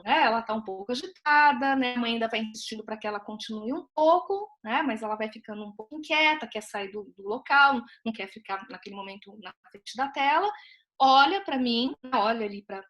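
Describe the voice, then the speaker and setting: A woman's voice: on the high side, fairly bright tone. A woman with a Brazilian accent, a clinician, talking on an online meeting with many fillers and tag questions. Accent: Brazilian Portuguese. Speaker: clinician from a therapy team. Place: home, video call.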